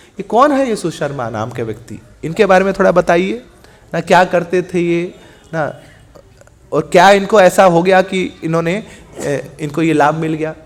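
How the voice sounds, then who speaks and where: A man preaching a scripture class in Hindi, telling the story in a lively way, acting out the dialogue, asking rhetorical questions and mixing in words. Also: high voice. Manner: lively storytelling, acts out the gods' dialogue, mixes in English words; asks the audience rhetorical questions and answers them.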